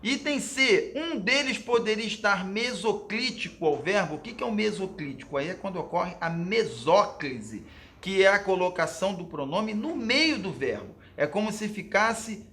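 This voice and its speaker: A Brazilian man teaches Portuguese, patiently walking his students through exam questions and checking in with fillers like "ok?", "né?" and "ó". His voice sits high and sing-song, pushed and bright, at normal speed, with a little hiss or hum.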